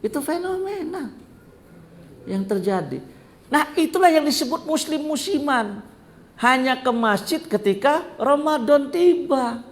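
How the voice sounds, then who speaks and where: A middle-aged man giving a lively, joking sermon to a study gathering, often asking the audience questions. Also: extremely high pitch, a little slow. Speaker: ustadz giving a religious talk.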